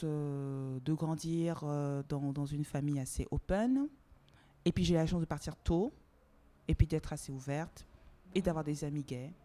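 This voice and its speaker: A woman's voice: sits low, warm tone. A woman from Togo, a podcast guest, talking candidly and emphatically in a conversational interview, swearing casually and repeating words for emphasis.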